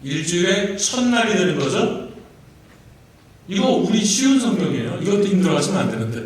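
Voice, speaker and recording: A man's voice: high voice, sing-song, fairly quick. A male pastor giving a playful sermon, joking and asking his congregation questions. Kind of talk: sermon with jokes and congregation interaction. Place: church sanctuary. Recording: echoey church hall, mic at a distance.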